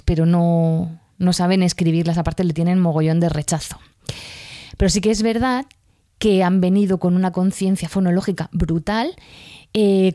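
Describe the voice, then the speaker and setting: A woman's voice: fairly low pitch, warm tone, no room sound, studio quality. A woman teacher, talking casually in a podcast monologue, rambling with fillers and self-corrections. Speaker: primary school teacher podcaster.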